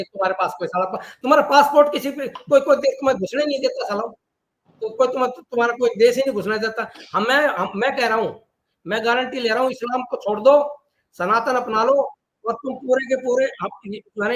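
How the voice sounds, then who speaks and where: A man's voice: very high-pitched, fairly quick, fairly bright tone, a little hiss or hum, rough recording. A man in a played debate clip, ranting angrily and throwing insults.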